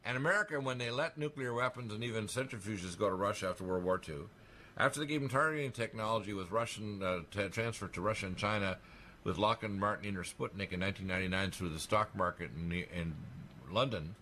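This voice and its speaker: A man talking on a radio talk show in a rapid, insistent monologue, emphatic and alarmist as he piles up claims. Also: on the low side, sharp tone, slight background noise.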